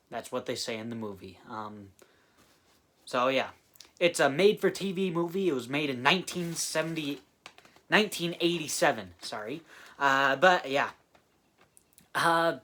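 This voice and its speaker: Guy doing a slow stop-start movie review, bright voice, lots of ums. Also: a little high. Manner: halting, many fillers and restarts. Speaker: film reviewer.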